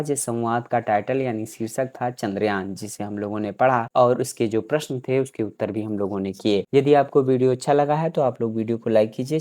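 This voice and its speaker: Guy teacher going thru textbook answers step by step, repeats stuff, dictates slowly for kids. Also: mid-range voice, dark tone. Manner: methodical, repeats each question then explains it simply. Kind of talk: textbook exercise walkthrough.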